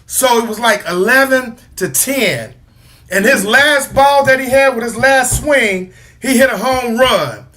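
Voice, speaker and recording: Bright-voiced man trash-talking sports. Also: very high-pitched, a little slow. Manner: animated, teasing, trash-talking rival teams. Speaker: podcast co-host. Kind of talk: casual sports chat.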